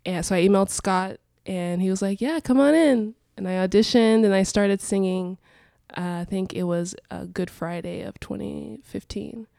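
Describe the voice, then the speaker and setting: A woman's voice: medium pitch, steady tone, normal speed, vocal fry, dark tone, smooth, no room sound, studio quality. A young woman from Angola and Portugal, introducing herself conversationally as a guest, her voice congested by a cold. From born in Angola, grew up in Portugal. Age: young adult. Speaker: podcast guest, worship singer.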